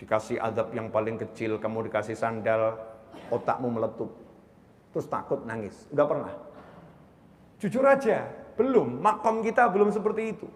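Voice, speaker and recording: A male preacher giving a sermon, asking rhetorical questions and swinging between loud emphasis and hushed asides. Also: mid-range voice, lively intonation, moderate pace. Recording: long hall reverb.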